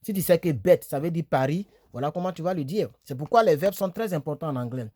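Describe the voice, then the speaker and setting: Man, casual teacher, mellow voice, dry close phone sound, talks slowly and checks in with viewers. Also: on the high side, animated, dry recording. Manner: chatty, repeats words slowly, asks "tu vois, non?". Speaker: English teacher. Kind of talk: casual video lesson. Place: small room, on a bed.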